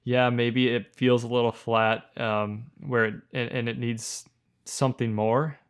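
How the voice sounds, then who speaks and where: Man, mid-pitched voice, podcast co-host, reflective, hesitant, weighs both sides. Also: little pitch movement, unhurried, clean tone. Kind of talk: casual film discussion.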